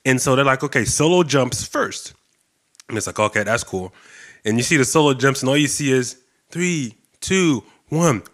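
A man casually telling a long story in conversation, animated and laughing, acting out what people said. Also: mid-range voice, normal speed. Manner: animated, laughing, acts out quotes.

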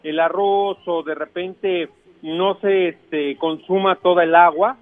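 A man with a Mexican accent, a chef on radio, explaining and chatting casually in a halting way. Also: high voice, fairly even intonation, no echo, narrow, tinny audio. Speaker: chef giving radio cooking tips.

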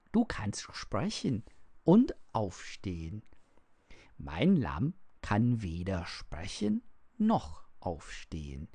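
A man's voice: on the low side, dark tone, slightly rough, no room sound, heavily acted. A man reading aloud and voicing a small, wonder-struck boy from a cave who asks eager questions.

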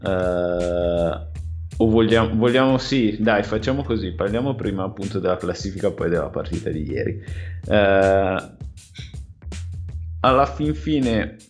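A man's voice: low voice, animated, unhurried, soft background music. A man hosting a podcast with casual football chat, thinking aloud in a hesitant, rambling way. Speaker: podcast host.

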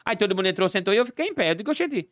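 A man, a clown and party entertainer, telling animated stories as a podcast guest and acting out the dialogue. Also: high voice, rapid-fire, dry recording, studio quality. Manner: animated storyteller acting out dialogue, laughing often.

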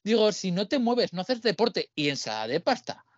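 A man with a Spain Spanish accent tells stories in a casual podcast chat. His pitch swings widely as he acts out the people he quotes. The sound is dry and a little dull. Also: moderate pace, no echo. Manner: animated storyteller, acts out quoted dialogue. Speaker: podcast co-host. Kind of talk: casual chat, telling anecdotes.

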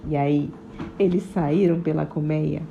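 A woman narrating a children's story in a soft, measured storytelling manner. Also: deep voice, fairly even intonation, creaky, muffled recording, slight background noise.

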